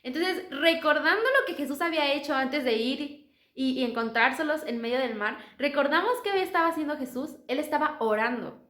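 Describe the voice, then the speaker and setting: A woman's voice: high-pitched, brisk, fairly bright tone. A woman leading a casual Bible study, chatting and putting questions to the listener. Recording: roomy echo.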